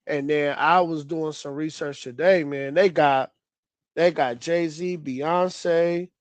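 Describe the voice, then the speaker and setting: A man with a fairly high voice banters with his co-hosts, cutting in and joking. His voice is recorded close and dry, with no room sound. He gets animated when he pushes a point. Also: takes it slowly, no echo. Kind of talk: casual banter.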